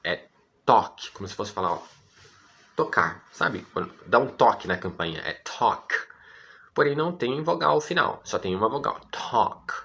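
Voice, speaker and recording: A man's voice: lowish voice, lively intonation, normal speed, creaky, bright, forceful tone. A Brazilian man teaching English vocabulary in Portuguese, patiently repeating words and often checking in with his students.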